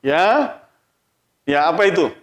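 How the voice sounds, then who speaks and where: A man preaching as pastor to children, animated and questioning the kids, acting out their lines. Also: fairly high pitch, takes it slowly, echoey room. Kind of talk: children's sermon. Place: church.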